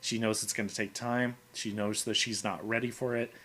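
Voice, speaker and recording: A man chatting about the backstory of a tabletop game character. His voice is bright and forward. He talks in an easy, casual way. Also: fairly low pitch, flat delivery, moderate pace, slight background noise. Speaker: player.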